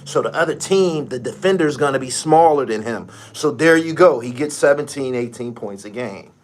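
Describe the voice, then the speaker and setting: A middle-aged man hosting a basketball podcast, ranting bluntly with lots of swearing and sudden loud, high outbursts. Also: moderate pace. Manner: animated, blunt, swears a lot, rising to shouted outbursts. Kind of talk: profane basketball rant.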